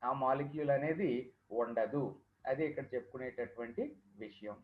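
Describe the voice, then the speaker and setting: A man's voice: medium pitch, normal speed, a little hiss or hum. A man with a Telugu accent teaches as in a classroom, mixing Telugu and English and repeating key terms as he explains. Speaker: chemistry teacher. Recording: echoey room, thin phone-like sound.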